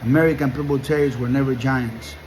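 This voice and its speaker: A man's voice: mid-range voice, fairly even intonation, fairly quick, a little mellow, a little hiss or hum, rough recording. A middle-aged man, a dog breeder, talking earnestly to camera in a rambling monologue and repeating words as he searches for them. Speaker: pit bull breeder and educator.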